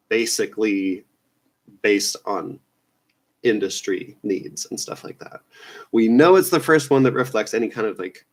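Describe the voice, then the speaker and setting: A man hosting a casual news roundup, rambling and offhand, with lots of fillers and restarts. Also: medium pitch. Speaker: news show host.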